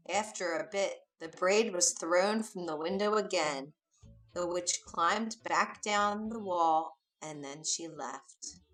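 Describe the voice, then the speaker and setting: A woman narrating a fairy tale for English learners, reading slowly, clearly and expressively. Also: fairly low pitch, fairly bright tone, poor audio.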